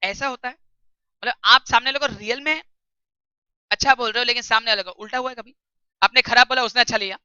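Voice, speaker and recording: A woman tutor giving a classroom lecture, reading English text slowly and explaining it in chatty while quizzing her students. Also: a little high, pushed and bright, clean tone, no room sound. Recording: dull lo-fi recording.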